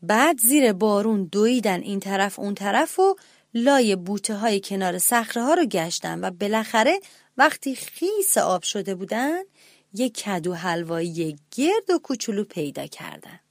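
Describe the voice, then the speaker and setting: A woman reading a children's story aloud in a gentle, expressive way and speaking directly to the children listening. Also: mid-range voice, no room sound, studio quality.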